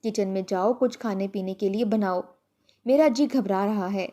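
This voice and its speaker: A woman's voice: mid-range voice, dark tone, lightly acted. Woman reading as an imperious pregnant sister-in-law. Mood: commanding. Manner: imperious, scolding.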